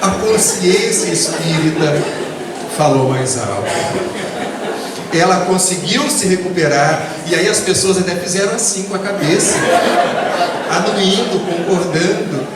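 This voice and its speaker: A man from the Baixada Fluminense, giving a spiritist lecture full of personal stories in an earnest, measured way. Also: far from the mic, a loud crowd, heavy background noise. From Baixada Fluminense, Rio de Janeiro, Brazil. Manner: earnest, measured storytelling with lively pitch swings. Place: spiritist association lecture hall. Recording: echoey hall recorded from afar.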